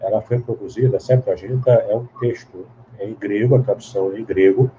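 This interview guest, a male Bible scholar, has a fairly low, dark voice with a steady tone and a brisk delivery. He explains at length as a teacher would, sprinkling in tag questions and frequent restarts. The audio is dull and lo-fi, with a faint hiss behind it.

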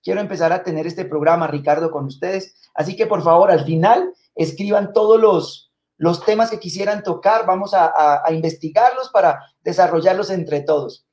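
Man, high-pitched voice, live trivia host, reads viewer comments aloud, thanks everyone, hesitant fillers. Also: normal speed. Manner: warm, grateful, reads out names and comments; frequent fillers and repeated words.

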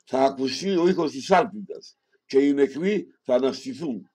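A man reads a homily aloud in a solemn, measured way. His voice is dark and mellow at a middling pitch, and he speaks directly to the listener before closing with prayers. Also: lively intonation, slightly rough. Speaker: reader of a sermon.

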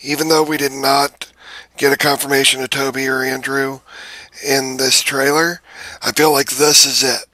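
A man hosting a trailer reaction video, chatting casually from a small room, moving between short exclamations and slower musing. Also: medium pitch, level tone, sharp tone, slight background noise. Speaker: YouTube host.

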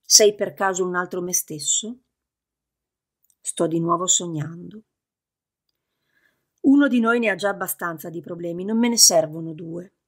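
A stubborn male painter locked in his room, as a woman narrator puts him on, grumbling and defiant. The voice is low for a woman and husky, close to the narrator's own. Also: a little slow, pauses often. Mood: exasperated. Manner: defiant, complaining, shouting out.

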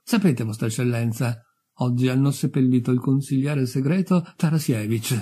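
Man doing a servile minor clerk, soft mellow voice, husky. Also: medium pitch, moderate pace, natural voice. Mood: fawning. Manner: fawning, deferential. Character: obsequious petty official, eager to please. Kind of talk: audiobook character voice.

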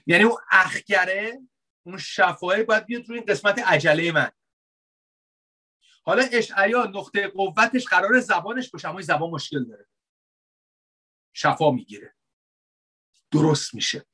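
A man preaching a conversational sermon, asking rhetorical questions and dropping into soft, wry asides. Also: sits high, expressive, long pauses, breathy edge. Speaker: pastor.

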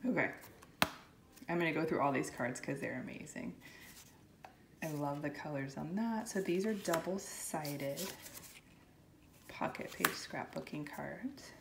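Low, gravelly woman unboxing planner goodies. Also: expressive, a little slow, pauses often, noisy background. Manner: chatty, enthusiastic, soft-spoken at times. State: raspy from smoky air. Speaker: planner vlogger. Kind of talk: casual product unboxing. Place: home, while her son is in an online class.

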